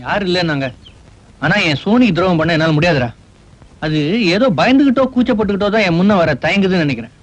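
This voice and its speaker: A man's voice: sits high, animated, fast talker, no room sound. An actor playing an anxious lovesick young man in an old film, fretful and easily flustered. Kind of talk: 1980s film dialogue. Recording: dull old film soundtrack with music.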